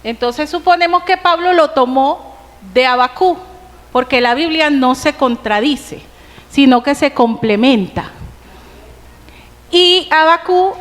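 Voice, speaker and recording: A woman preacher with a Colombian accent delivering an earnest sermon in a church, asking rhetorical questions and slowing for emphasis. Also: high voice, fairly bright tone. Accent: Colombian Spanish. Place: church hall. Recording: long reverb of a church hall.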